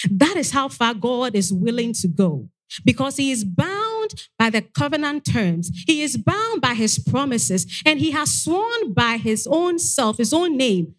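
A young woman preaching an earnest sermon into a handheld mic in a church, often pausing on "Amen". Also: a little high. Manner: earnest exhortation with frequent "Amen". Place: church sanctuary stage.

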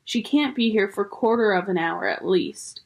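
A woman's voice: medium pitch, normal speed, gravelly. A woman voicing a fussy, motherly female beaver in a storybook reading, homely and bustling.

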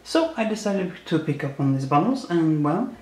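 A man's voice: on the high side, big pitch swings, moderate pace, darkish tone. Man in an echoey bare room. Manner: wry, punning asides about each card. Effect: echoey sound from a bare, unfurnished room. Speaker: unboxing video host. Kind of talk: casual unboxing commentary. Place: new apartment, not yet furnished, indoors.

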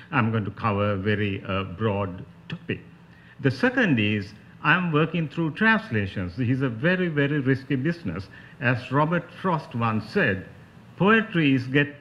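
A man with a Sri Lankan accent gives an academic panel talk. His voice sits at a medium pitch, and he explains things in a scholarly way. The recording is a little muffled and lo-fi. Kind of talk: spoken academic lecture.

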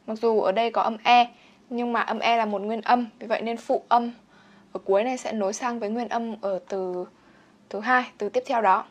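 A young woman teaching English vocabulary, explaining in Vietnamese and slowly repeating each English word for pronunciation practice. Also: a little high, fairly even intonation. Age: young adult. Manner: repeats words slowly and clearly for drilling. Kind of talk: bilingual vocabulary lesson with pronunciation drills.

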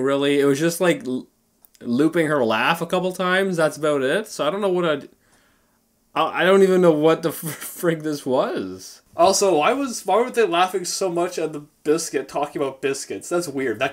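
A man, giving casual commentary as a reaction video host. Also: a little high. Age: 20s. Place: small room indoors.

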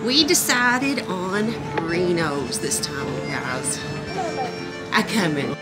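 A woman's voice: fairly low pitch, very animated, slow, over loud music. A woman, a mother chatting casually in a family vlog and talking sweetly to her small daughter.

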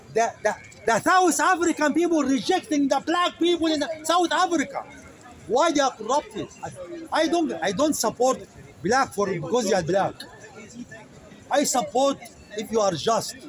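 A man with a strikingly high voice delivers a fiery open-air debate speech, pressing his points hard and stumbling through words in halting non-native English. He keeps calling his listeners "brother." A crowd murmurs clearly around him outdoors. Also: rough recording. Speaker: street speaker debating a crowd. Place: outdoor public speaking area in a city.

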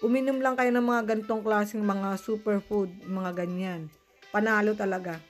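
Woman, Filipino accent, casual vlog chatter, recovering from flu, soft music in background. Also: mid-range voice, fairly even intonation, moderate pace. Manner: chatty, addresses viewers as guys. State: sick with flu, voice changed. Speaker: vlogger. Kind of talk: casual cooking and gardening vlog.

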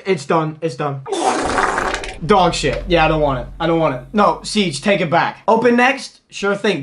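Excitable, foul-mouthed young man. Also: high voice. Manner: loud, crude, excitable, swears a lot. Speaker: gaming YouTuber. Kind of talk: excited pack-opening commentary.

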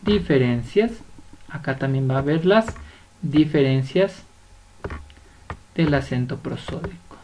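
A woman's voice: very deep voice, animated, unhurried, pauses often, warm tone, slight background noise. A woman teacher with an Ecuadorian accent, patiently explaining a lesson, drawing out example words and checking that students follow. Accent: Ecuadorian Spanish. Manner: stretches out example words syllable by syllable, checks understanding. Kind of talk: slow classroom explanation.

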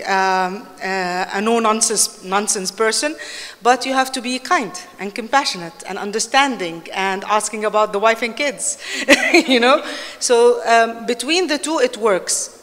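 A woman's voice: medium pitch, fairly bright tone. A woman speaking as a panelist on a conference stage, assertive and listing points, into a handheld mic. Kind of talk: panel discussion answer. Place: large conference hall stage. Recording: reverberant hall.

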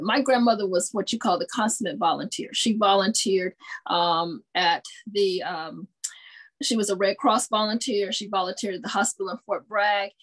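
A middle-aged Southern American woman tells a childhood story full of fillers as a panelist on a video call. Her mid-range voice is slightly bright, and the low-quality audio comes through a webcam in a home room lined with bookshelves.

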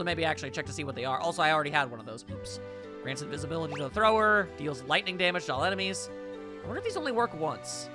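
Let's play host, mid-range voice with lively swings, wry casual commentary over clear game music. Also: mid-range voice. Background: video game music.

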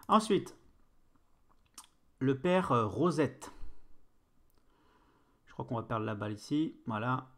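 A man streaming a football management game, commenting casually and excitably with bursts of play-by-play and swearing. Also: mid-range voice, slow, long pauses.

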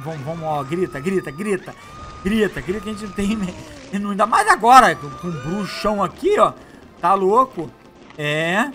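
A young man giving excited, heavy gameplay commentary. He repeats phrases and calls out to his viewers. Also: on the high side, slight background noise. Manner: hyped, slangy, repeats phrases, shouts at the screen. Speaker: gameplay youtuber.

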